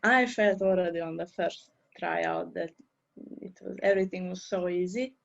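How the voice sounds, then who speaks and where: A woman, speaking as a guest in an interview. She answers in careful, English, in a slightly low voice. The recording sounds dull and lo-fi. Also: steady tone, normal speed, creaky. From Hungary.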